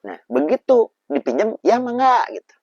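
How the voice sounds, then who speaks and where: A man, a preacher guest telling lively, animated stories about raising children. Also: high voice, moderate pace, no room sound, highs cut off. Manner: animated storyteller. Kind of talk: casual religious talk.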